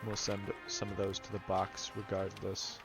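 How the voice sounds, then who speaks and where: A man's voice: deep voice, monotone, normal speed. A man giving casual let's-play commentary, explaining game mechanics and thinking aloud. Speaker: gameplay commentator. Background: game music.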